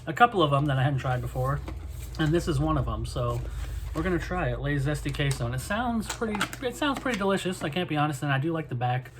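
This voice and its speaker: A man's voice: fairly high pitch, lively intonation, fast talker, noisy background. A man gives a casual, rambling food review, hedging as he goes. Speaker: snack reviewer.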